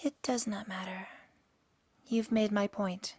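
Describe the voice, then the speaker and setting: A woman's voice: medium pitch, fairly even intonation, slow, darkish tone, slightly rough, no echo. A woman voicing a lonely, bitter pony princess of the night in a radio drama, speaking in formal, sorrowful diction. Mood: resentful, formal. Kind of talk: fan-made radio drama acting.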